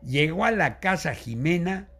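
An older man with a Mexican Spanish accent, telling family stories as an interview guest, animated, acting out what others said. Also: a little high, moderate pace, husky. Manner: animated, acts out quoted voices. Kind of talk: storytelling in a casual interview.

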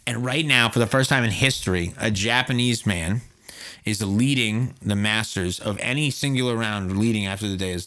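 Bright-voiced, profane, teasing man. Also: lowish voice. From United States. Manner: profane, mocking, animated teasing. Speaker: podcast co-host. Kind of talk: casual banter podcast.

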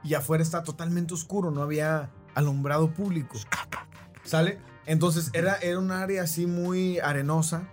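A man's voice: on the high side, steady tone, normal speed, faint music behind. A man with a Mexican accent hosting a podcast, telling a story in a rambling way and often checking in with his listeners. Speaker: podcast host. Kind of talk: casual storytelling.

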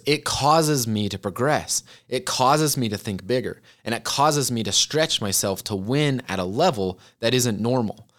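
Here a man in his twenties hosts a podcast, giving a casual, motivational talk about goals in a mid-range, fairly bright voice. He's earnest and chatty, treating listeners like friends and calling them "you guys."

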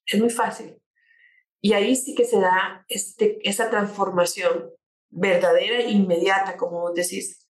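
A woman's voice: medium pitch, steady tone, unhurried. A woman speaking as a coach on changing attitudes, explaining her points with rhetorical questions and everyday examples. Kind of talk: conversational talk show guest. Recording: echoey room.

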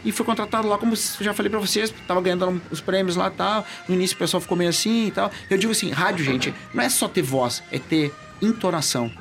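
A man with a Gaúcho Portuguese accent, a radio journalist telling stories in a casual interview, animated and acting out dialogue. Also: high voice, fast, few pauses, faint music behind. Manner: animated, acts out quoted dialogue.

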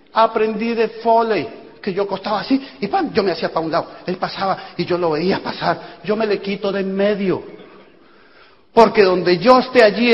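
High-voiced man speaking in a hall. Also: slight background noise. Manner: animated, acts out dialogues, sudden loud bursts. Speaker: motivational speaker at a business event. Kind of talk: motivational storytelling talk. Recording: echoey hall, dull lo-fi sound.

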